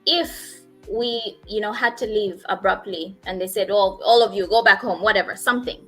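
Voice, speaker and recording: A woman co-hosting a casual panel talk, thinking aloud with halting starts and fillers. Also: mid-range voice, bright, forceful tone, soft background music, rough recording. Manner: thoughtful, halting, many fillers. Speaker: panel co-host.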